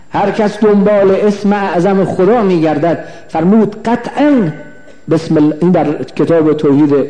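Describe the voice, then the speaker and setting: A male cleric giving a religious lecture, slow and emphatic, repeating phrases and asking the audience questions. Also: fairly high pitch, warm tone. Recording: long hall reverb.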